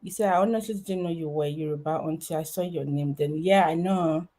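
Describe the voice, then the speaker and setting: This livestream host is a woman from Nigeria, in her thirties, with a warm, low-sitting voice and a brisk delivery. She talks casually in a Nigerian accent, meandering through her thoughts with lots of fillers and false starts.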